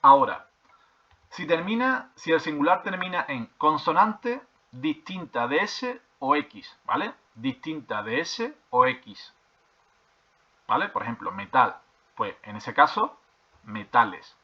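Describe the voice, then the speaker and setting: A man's voice: fairly high pitch, big pitch swings, takes it slowly, sharp tone. A man, teaching primary school grammar. He goes over each point more than once and keeps checking in with "¿vale?" and "¿de acuerdo?", hesitating as he reads from the textbook. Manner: hesitant with fillers and restarts while reading from a textbook. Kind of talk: classroom explanation of grammar. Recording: slightly dull lo-fi recording.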